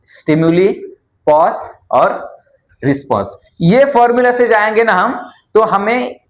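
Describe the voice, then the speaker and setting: In a bare, echoey classroom, a high-voiced man teaches a room of students at a slow, animated pace. His manner is chatty and familiar, calling listeners "yaar" and repeatedly quizzing the class so they complete his points.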